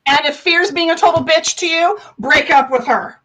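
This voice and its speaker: As a guest in a live interview, an American woman animatedly recounts personal stories, acting out dialogue in an emphatic, irreverent style. She has a high, slightly bright voice and keeps a moderate pace.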